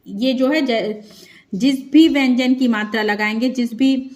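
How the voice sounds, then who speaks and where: A woman with a high, light voice teaches a children's script lesson. She speaks slowly and patiently into a close mic. She stretches each syllable and repeats sounds so young learners can follow. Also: a little mellow. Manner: slow, patient, drawn-out syllables.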